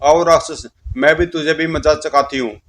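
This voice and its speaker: A cackling, possessed young bride spits threats at everyone around her, as a man puts her on. The voice sits a little high and carries a demonic, gloating edge. It belongs to a horror storybook narration. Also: fairly even intonation, normal speed, lightly acted. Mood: menacing. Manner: cackling, menacing taunts.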